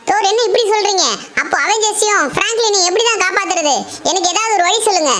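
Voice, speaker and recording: Shinchan, a cheeky squeaky boy. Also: fast talker, slight background noise. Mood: alarmed. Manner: chatty, scolding and exclaiming. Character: cheeky little boy, mischievous and bold. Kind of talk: game role-play voice acting. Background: loud game music.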